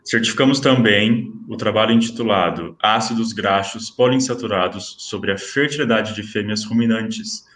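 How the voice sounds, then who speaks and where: A man presenting at an online academic event, reading out award certificates in a formal, steady listing manner. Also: fairly low pitch, reverberant. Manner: steady listing of titles and names.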